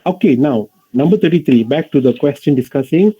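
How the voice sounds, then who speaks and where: A man's voice: on the high side, brisk, dark tone, husky, poor audio. A man with a Malaysian accent teaching an English class in Malaysian English slang mixed with Malay, explaining didactically and often addressing his students.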